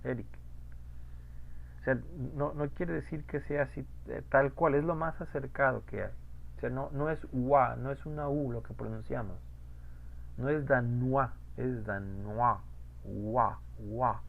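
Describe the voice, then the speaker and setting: A man's voice: medium pitch, steady tone, normal speed, creaky, narrow, tinny audio. A man teaching French pronunciation in an online class, patiently repeating rules and asking students questions.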